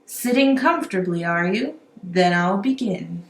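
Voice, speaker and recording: A woman voicing a confident, unflappable male police officer in a children's storybook, loud and deliberate. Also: on the low side, lively intonation. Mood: cocky, teasing. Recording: roomy echo, faint background noise.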